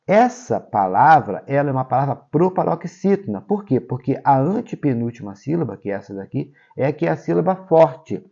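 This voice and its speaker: A Brazilian man teaching a grammar lesson for exam preparation, explaining step by step and checking in often with "tá?" and "ok?", stressing key words with sudden jumps in pitch and loudness. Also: very animated, normal speed, creaky, few pauses, husky, dull audio. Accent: Brazilian Portuguese.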